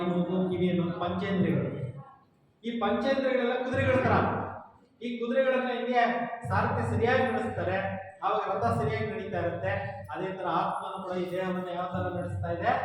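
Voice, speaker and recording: A man's voice: high voice, a little hiss or hum. A man working as a museum guide, explaining pictures on the walls to a group, asking them questions and telling them where to stand. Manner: asks the group questions and has them repeat answers. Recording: echoey hall, far from the mic, with a crowd.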